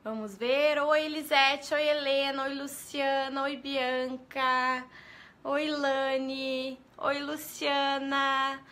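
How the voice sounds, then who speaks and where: During a live-streamed lesson, a teacher trainer with a Brazilian Portuguese accent greets viewers by name and poses questions to them. She speaks in a high, fairly bright voice with flat delivery, spelling letters out slowly and clearly.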